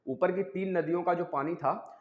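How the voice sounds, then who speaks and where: Guy teaching geography in a roomy echoey space, voice on the higher side, keeps repeating terms and asking the class. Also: moderate pace, highs cut off. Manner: repeats key terms and quizzes students. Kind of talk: exam-prep geography lecture. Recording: echoey room with long reverb.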